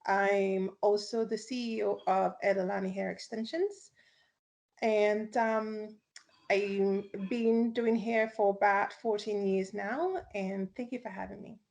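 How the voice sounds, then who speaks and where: A woman hair specialist speaks on a panel in a slow, gravelly voice. She pauses often as she explains. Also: mid-range voice, fairly even intonation, a little mellow. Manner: unhurried, many "um" pauses. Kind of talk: panel discussion.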